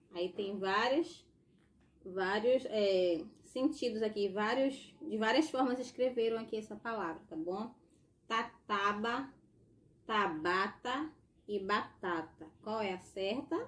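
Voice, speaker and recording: A woman with a Brazilian accent, a primary school teacher giving a recorded lesson to young children, patient and explanatory, often checking in with short tags. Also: mid-range voice. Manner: patient and explanatory, tagging sentences with "tá?" and "ó".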